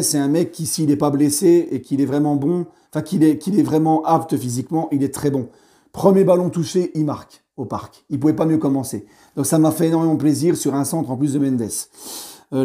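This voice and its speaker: Hoarse, fired-up man ranting. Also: a little high. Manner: heated, animated, swears freely. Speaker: football fan debriefer. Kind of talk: post-match vlog rant.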